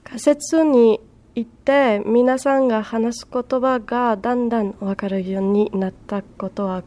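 A woman's voice: a little high, steady tone, a little slow, dark tone. Woman answering in simple learner phrasing. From France. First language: French. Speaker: guest, language learner. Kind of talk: interview answers.

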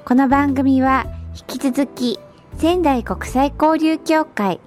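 A woman's voice: high voice, takes it slowly, a little mellow, faint music behind. A woman hosting a radio interview show, formal, courteous and encouraging as she asks her guest questions. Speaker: radio host.

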